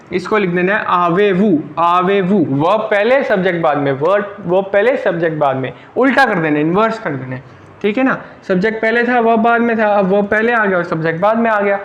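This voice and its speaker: A man's voice: sits high, fairly bright tone, lo-fi sound. A man teaching French grammar in Hindi, explaining step by step, repeating key points and asking the class rhetorical questions. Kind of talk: online lesson explained in Hindi.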